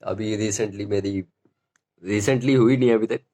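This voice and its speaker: A teenage male stand-up comedian telling rambling school stories in an animated, laughing way. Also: fairly low pitch, slow pace. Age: teens.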